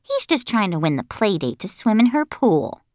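A woman's voice: mid-range voice, sing-song, normal speed, a little mellow, dry recording, studio quality, natural voice. A woman voicing a stern, suspicious little girl who scolds indignantly, in a children's audiobook.

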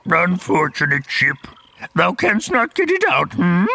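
A man voicing an impish, mischievous little old swamp creature with a raspy croak, hammy stage delivery and inverted archaic phrasing. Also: sits high, huge pitch swings, unhurried, bright, forceful tone, no room sound, exaggerated voice. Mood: mischievous, indignant.

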